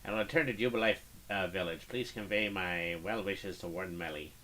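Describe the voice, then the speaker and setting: A man's voice: deep voice, a little fast, pushed and bright, slight background noise, rough recording. Man reading as an overly polite, formal game character. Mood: courteous, formal. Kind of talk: reading game dialogue aloud.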